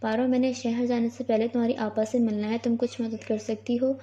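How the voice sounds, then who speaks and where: A woman's voice: on the high side, flat delivery, close to an everyday voice. A woman reading the lines of an affectionate young man who dotes on his little sister, on a dull lo-fi recording. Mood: gentle. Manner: gentle, affectionate. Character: affectionate young man, doting older brother.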